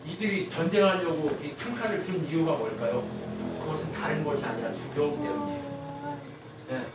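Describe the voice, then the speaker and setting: A pastor preaching a sermon, constantly quizzing the congregation with rhetorical questions and swinging from loud emphatic peaks to hushed low lines. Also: moderate pace. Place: church sanctuary. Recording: very echoey hall, mic far off, steady ambient noise.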